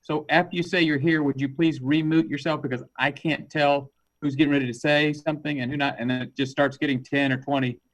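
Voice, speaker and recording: A man's voice: a little high, steady tone, a little fast, poor audio. A man on a video call, running a virtual meeting and giving firm, practical instructions to the attendees. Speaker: meeting organizer.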